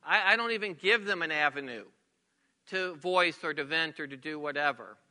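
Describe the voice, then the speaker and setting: A middle-aged male pastor preaching, with a high, very bright and sharp voice. He tells his stories with loud bursts of emphasis, then drops to soft, hushed lines. His voice carries a long reverb, as if he is in a big church hall. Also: normal speed. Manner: storytelling, shifts between loud emphasis and soft near-whispers. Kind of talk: sermon.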